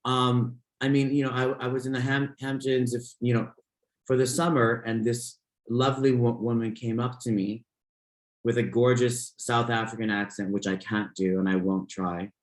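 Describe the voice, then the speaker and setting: A man's voice: mid-range voice, little pitch movement, normal speed, reverberant. A man guesting on an interview podcast, talking casually and rambling with many restarts and fillers. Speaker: podcast guest, fitness instructor.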